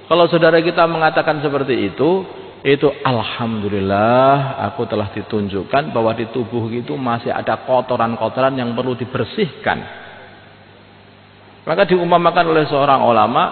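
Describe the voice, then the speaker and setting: A man's voice: medium pitch, a little hiss or hum. A man giving an evening sermon, animatedly acting out quoted dialogues, recorded in a prayer hall. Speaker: preacher. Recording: echoey hall over a thin phone-like line.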